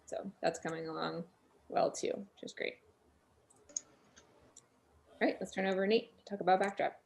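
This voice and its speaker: A woman's voice: fairly low pitch, fairly even intonation, moderate pace, creaky, a little mellow. A woman hosting a weekly online developer meeting over a video call, upbeat and organized. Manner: upbeat, organized, thanks contributors. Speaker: meeting host.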